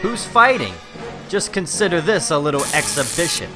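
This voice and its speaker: Man voicing cocky teenage superhero, animated. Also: a little high, normal speed, over music, rough recording. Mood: indignant, boastful. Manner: brash, wisecracking, theatrical. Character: cocky, quick-tempered teenage male superhero, wisecracking and brash. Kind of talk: dramatic comic book reading.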